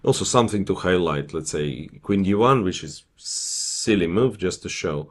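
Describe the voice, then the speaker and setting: A man giving conversational live chess commentary, thinking aloud in a halting way. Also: sits low, expressive.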